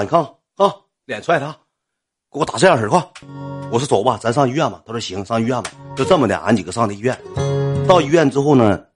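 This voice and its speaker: A man with a Northeastern Chinese accent telling a comic story in a rambling, colloquial, animated way. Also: mid-range voice.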